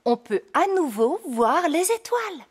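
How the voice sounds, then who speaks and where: A woman voicing a calm, patient fairy queen mother in a cartoon dub. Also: sits high, unhurried. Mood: explaining.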